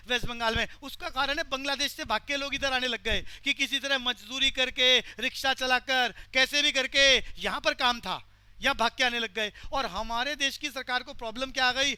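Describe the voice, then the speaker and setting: Male teacher, very high voice, bright and crisp, quizzing students, pushes for fast answers. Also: no echo. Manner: quizzes the class, urging quick answers. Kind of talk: classroom lecture.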